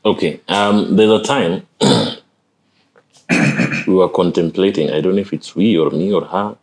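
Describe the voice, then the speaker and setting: A man's voice: sits low, slow. A man with a Kenyan accent telling stories casually, switching between English and Swahili. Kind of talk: casual conversational storytelling. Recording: light background noise.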